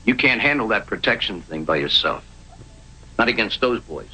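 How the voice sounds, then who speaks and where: An actor playing a stern, calm middle-aged mentor who coaxes a young woman along in a low, steady way. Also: normal speed, slight background noise, poor audio.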